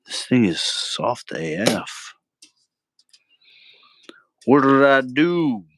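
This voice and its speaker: A medium-pitched, fairly bright male voice comes through very slowly but very animated, with slight background noise. The man runs a live cooking stream where he rambles in slang, argues with his chat while cooking and keeps saying "bro."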